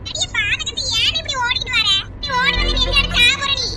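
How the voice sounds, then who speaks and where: A woman's voice: very high voice, a little fast, pushed and bright, a little hiss or hum, exaggerated voice. A woman voicing a bossy elder sister who nags and scolds, with a southern Tamil accent. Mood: scolding. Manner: scolding, nagging. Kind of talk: cartoon voice acting.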